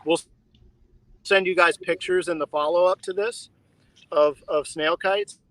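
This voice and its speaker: A man, a biologist guide leading a live outdoor field trip, talking haltingly with fillers while his stream audio cuts out and the volume jumps up and down. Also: sits high, steady tone, a bit bright, no room sound, poor audio. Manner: halting, with frequent fillers and restarts. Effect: uneven volume with audio cutting out over a laggy live stream. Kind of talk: live outdoor educational talk. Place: outdoors by a marsh.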